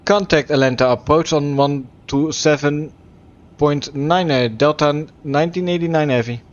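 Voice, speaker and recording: A man making pilot radio calls in clipped aviation phrasing, reading back clearances with small hesitations, slightly muffled. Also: fairly high pitch, moderate pace. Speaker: flight sim streamer.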